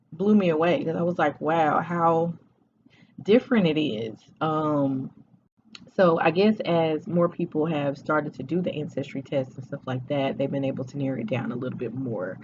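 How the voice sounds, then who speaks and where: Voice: medium pitch, darkish tone, lo-fi sound, slight background noise. A vlogger in their forties chatting casually to camera, talking hesitantly with many fillers and restarts. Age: 40s.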